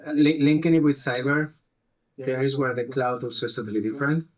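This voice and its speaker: Man, podcast guest, thoughtful, halting, restarts mid-sentence, casual explanation. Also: mid-range voice, fairly even intonation, highs cut off. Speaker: podcast guest, security leader. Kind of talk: casual interview chat.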